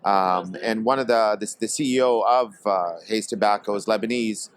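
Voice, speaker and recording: A man with a fairly low voice talks as a guest at a trade expo, from Portland, Oregon. He speaks haltingly, pausing and filling gaps often as he explains his business in a casual podcast chat. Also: clean tone. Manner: hesitant, many pauses and fillers. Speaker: guest, tobacco company executive.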